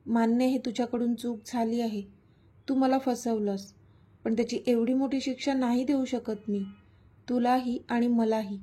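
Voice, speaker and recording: A woman reading the lines of an emotional, shy young heroine in a love story, in a gentle, pleading way. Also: a little high, fairly even intonation, moderate pace, breathy edge.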